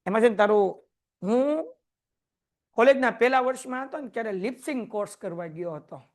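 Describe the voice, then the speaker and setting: A man teaching a class, lively and joking as he quizzes his students. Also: extremely high pitch, fairly quick. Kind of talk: classroom lecture.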